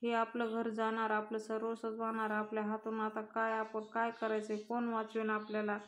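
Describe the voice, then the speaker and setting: A woman's voice: a little high, normal speed, lightly acted. Woman reading as a worried older mother. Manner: flat monotone reading. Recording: dull lo-fi recording.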